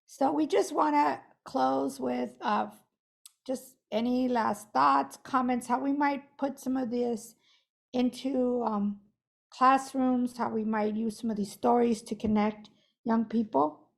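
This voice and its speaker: Over a video call, a woman who is losing her voice facilitates an online workshop in a chatty, self-correcting way. She speaks slowly in a slightly high voice with fairly even intonation and vocal fry.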